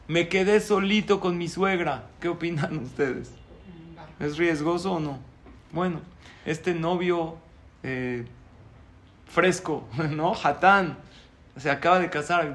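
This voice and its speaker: A male rabbi, telling a story in a sermon, animated and chuckling, asking the audience questions. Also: on the high side, unhurried.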